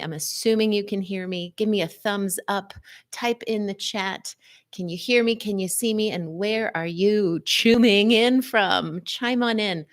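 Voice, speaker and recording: Woman, live-stream host, casual chat, playful wordplay, sing-song, middle pitch.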